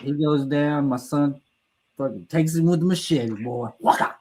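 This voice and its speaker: A man's voice: fairly high pitch, unhurried, background noise. A middle-aged man with a slightly raised voice tells a long, crude story among friends. He rambles, trips over his words and keeps laughing at his own punchlines. The talk is loose and full of cursing. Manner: restarts and stumbles mid-sentence. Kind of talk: casual profane storytelling.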